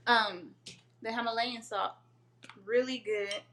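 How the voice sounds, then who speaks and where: Bubbly high-voiced woman, bright and lively. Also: takes it slowly, slight background noise. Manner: excited, laughs a lot. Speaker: guest cook. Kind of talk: casual live cooking chat.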